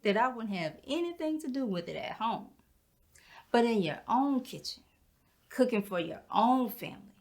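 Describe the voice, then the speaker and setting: A woman, performing a theatrical monologue as a proud, hardworking middle-aged mother who cleans houses for a living. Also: fairly high pitch. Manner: dignified, storytelling, folksy. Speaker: actor performing a stage monologue.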